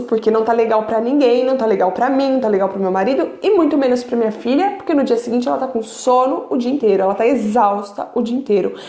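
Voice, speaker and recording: A woman's voice: a little high, a little mellow, roomy sound. A woman in her thirties, a sleep consultant, explaining to parents in a conversational way, asking them rhetorical questions. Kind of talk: informal teaching talk to parents.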